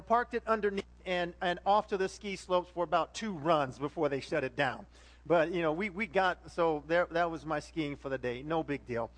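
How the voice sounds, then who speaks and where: A man's voice: high-pitched, a bit bright. A male pastor giving a conversational sermon, telling stories animatedly and speaking directly to his congregation.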